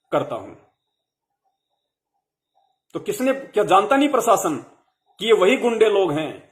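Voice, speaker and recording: A man's voice: high voice, a bit bright. A young man giving a heated devotional sermon to fellow followers, scolding them with rhetorical questions.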